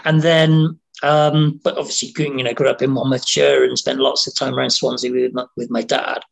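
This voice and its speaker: A man from Wales, a writer and interview guest, talking in a casual, halting way, restarting and repeating words as he thinks. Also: mid-range voice, flat delivery, vocal fry, rough recording. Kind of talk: casual conversation.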